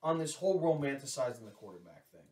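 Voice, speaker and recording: A young man co-hosting a casual sports podcast, rambling excitedly with restarts and swearing. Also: mid-range voice, quick pace. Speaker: podcast co-host. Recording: echoey room, distant from mic.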